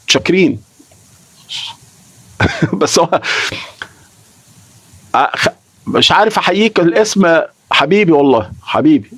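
A man's voice: fairly high pitch, lively intonation, a little slow, pauses often, fairly bright tone. A young Egyptian man chatting on a live stream, emotional and repeating himself, swearing oaths as he talks. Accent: Egyptian Arabic. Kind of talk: casual live-stream chat.

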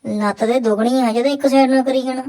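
A woman's voice: high-pitched, steady tone, quick pace, noisy background. A woman with a Punjabi accent giving mocking reaction commentary in crude, sarcastic, bawdy banter.

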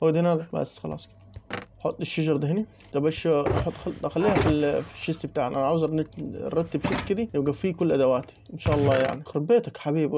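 A man's voice: a little high, creaky, mellow, a little hiss or hum. A young man with an Egyptian Arabic accent giving casual let's play commentary, chattering and teasing the animals in the game. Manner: rapid chatter, joking insults at game animals. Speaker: gaming YouTuber.

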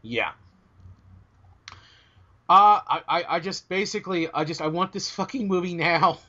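A British man chats as a podcast co-host in a joking, self-interrupting way. His voice is a little hoarse, and his pitch swings up and down a lot. The sound is dull and lo-fi. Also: lively intonation, a little slow, bright, forceful tone. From Britain. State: starting to lose his voice. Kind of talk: casual chat. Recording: dull lo-fi audio.

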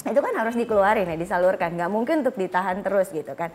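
This thirty-something woman with an Indonesian accent talks fast at a medium pitch. She explains informally as a guest expert, acting out short parent and child dialogues along the way. Her clip-on lapel mic captures her on a small furnished studio set indoors.

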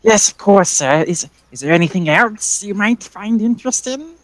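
Game master putting on a high-pitched old woman shopkeeper, slow, polite, hesitant, tabletop game. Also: expressive, close to an everyday voice, poor audio.

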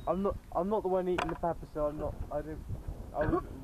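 A man's voice: a little high, fast, dull audio. A young man chatting casually and commenting from outdoors as a cameraman friend. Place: outdoors in a park. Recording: noisy outdoor camera audio, wind.

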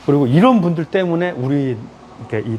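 A man giving a lively lecture in a room, acting out people in raised voices and laughing often. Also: a little high, brisk, dull audio, a little hiss or hum.

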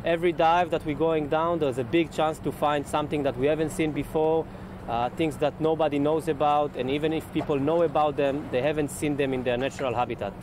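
Casting: male sub pilot for nature documentary, slightly high voice, hesitant briefing outdoors on a noisy boat deck. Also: steady tone, a little fast. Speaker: submarine pilot. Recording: noisy outdoor location sound.

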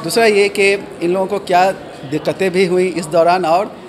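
A male reporter asks measured questions in an indoor corridor, pausing with fillers. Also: high-pitched, steady tone, a crowd in the background. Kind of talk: news interview. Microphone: handheld mic.

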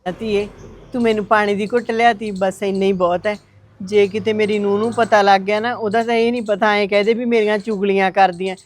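A woman's voice: mid-range voice, fairly even intonation, fairly quick, lightly acted. A woman playing a frail old mother-in-law who pleads and complains in a sighing voice in an amateur short film. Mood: grateful.

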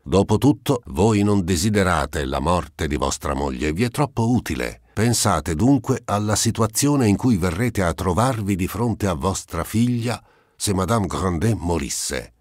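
Male reader as a persuasive middle-aged notary, deep and earnest, in a dry booth. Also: no echo. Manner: earnest, persuading legal explanation.

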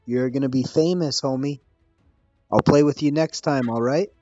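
A Canadian gaming YouTuber chats casually and upbeat with an online opponent, full of slang and slowly repeating himself. His voice is medium-pitched and mellow. The highs are cut off, and soft music plays in the background.

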